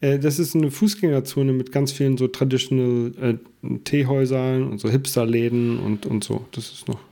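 Gravelly, dark-voiced man explaining. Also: medium pitch, fairly even intonation, moderate pace. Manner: explains at length with many restarts and fillers. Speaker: podcast guest. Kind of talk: casual podcast chat.

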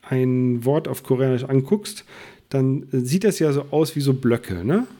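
A man's voice: medium pitch, a little slow, warm tone. A man, a podcast guest, explaining things at length in casual chat, with many restarts and fillers.

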